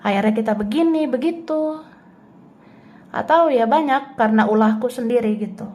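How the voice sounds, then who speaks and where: A woman's voice: on the high side, moderate pace, darkish tone. A woman doing a casual tarot reading who chats freely, laughs often and speaks the other person's thoughts in the first person. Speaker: tarot reader.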